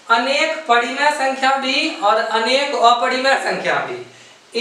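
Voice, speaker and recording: A male math teacher with a high, bright voice gives a classroom lesson, walking through each step at the board. He keeps stopping to ask whether everyone has understood. He is heard from some way off the mic in a very echoey room. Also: far from the mic. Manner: asks "samajh gaye?" again and again.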